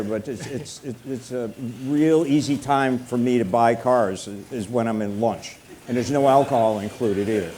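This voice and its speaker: A man's voice: mid-range voice, a little hiss or hum. Older man moderating a panel, joking. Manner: relaxed, joking, rambling. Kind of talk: panel discussion. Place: forum room with an audience.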